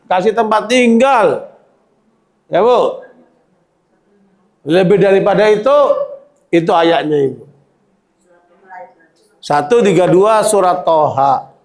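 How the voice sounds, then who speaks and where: Male preacher, gravelly and high-pitched, chatty lecture that keeps asking the audience to agree. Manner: keeps checking in with the audience, colloquial. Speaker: Islamic preacher. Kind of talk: religious lecture to women.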